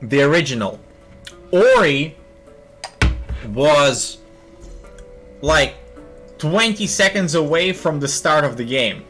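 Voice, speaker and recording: A young man's fairly high, bright, animated voice carries his relaxed gaming commentary, which is slow and broken by frequent pauses. He jokes and thinks aloud as he plays, with game music faintly audible.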